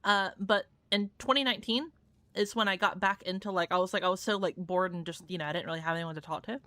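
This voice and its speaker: A woman's voice: lowish voice, fairly even intonation, quick pace, sharp tone, no room sound. A young adult woman hosting a live gaming stream, chatting casually and swearing freely, with lots of "like" fillers. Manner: loose and profane, heavy use of "like" fillers. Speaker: streamer hosting viewer games.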